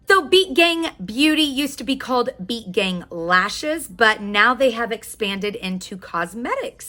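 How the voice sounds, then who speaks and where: A woman's voice: on the high side, bright, forceful tone. An American woman chatting casually as a beauty vlogger, gushing and repeating words for emphasis. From Oklahoma, United States. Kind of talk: casual makeup tutorial chat.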